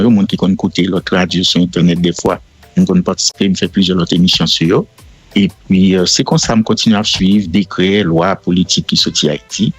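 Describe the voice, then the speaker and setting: Middle-aged Haitian man, deep husky voice, radio guest; steady explainer with faint music under. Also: no echo. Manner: measured, explanatory, with frequent fillers. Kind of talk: casual radio interview.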